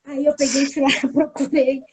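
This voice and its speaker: A woman teacher, casually telling a lively anecdote about a school day and acting out what people said. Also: sits high, moderate pace. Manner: lively storytelling, acting out the dialogue. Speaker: teacher and pedagogical coordinator.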